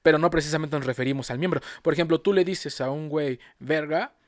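A man's voice: fairly high pitch, fast. A man with a Mexican accent hosting a podcast in casual, playful chat, swearing freely. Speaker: podcast host.

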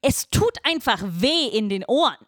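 A woman guesting on a comedy podcast, teasing in a deadpan way. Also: fairly high pitch, moderate pace, dry recording, clean studio sound. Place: home studio.

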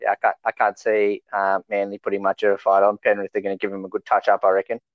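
An Australian man co-hosts a fantasy rugby league podcast, chatting in a casual, matey way. His fairly low voice is monotone and fast. The lo-fi audio is slightly dull but has no echo.

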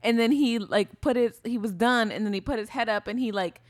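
A woman's voice: on the high side, a little fast, dry recording. Chatty woman podcast co-host, dry sound. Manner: chatty, rambling with restarts and fillers. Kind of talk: casual chat.

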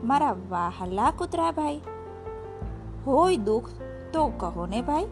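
A woman's voice: high-pitched, sing-song, slow pace, music in the background, exaggerated voice. A woman voicing a kind, motherly queen of the night in a children's storybook, speaking in a soothing, affectionate way. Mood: caring.

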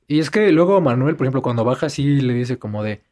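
A man's voice: mid-range voice, lively intonation, fast talker, a little mellow. A young man with a Mexican Spanish accent telling stories in a casual chat and animatedly mimicking other people.

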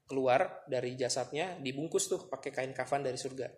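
A man talking in a relaxed podcast chat. He tells a story at a mid pitch and steps into the speakers' dialogue as he goes. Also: fairly quick. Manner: storytelling, retells scenes with quoted dialogue. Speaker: podcast co-host.

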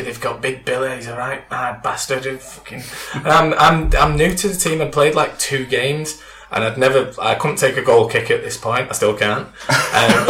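A man's voice: medium pitch, sharp tone, reverberant. A young man, telling a story in casual chat and swearing freely. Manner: chatty, swears freely, laughs through stories. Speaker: guest.

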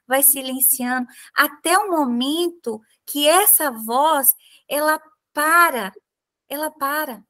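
A Brazilian Portuguese-accented woman hosts this interview in a high, bright voice. She talks earnestly and conversationally about parenting, leaning on frequent tag questions and fillers as she goes. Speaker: podcast host, mother.

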